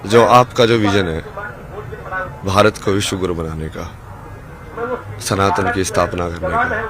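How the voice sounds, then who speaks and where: With a low-pitched voice that swings widely in pitch, a wandering ascetic speaks a little slowly in an outdoor interview at a busy festival ground. His answers ramble with passion and bristle with rhetorical questions, over the noise of a loud crowd.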